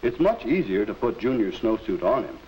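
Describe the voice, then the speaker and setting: A man acting as a middle-aged schoolteacher in a 1950s educational film, speaking like a narrator of that era in a measured, didactic way. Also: on the low side, big pitch swings, highs cut off. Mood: instructive. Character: kindly, instructive male schoolteacher in a 1950s film. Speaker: teacher advising a student. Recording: hissy old 1950s film soundtrack.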